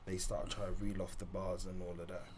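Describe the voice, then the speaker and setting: A man from Reading, telling stories as a podcast guest in animated street slang. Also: deep voice, fairly quick. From Reading, England. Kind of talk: casual storytelling interview.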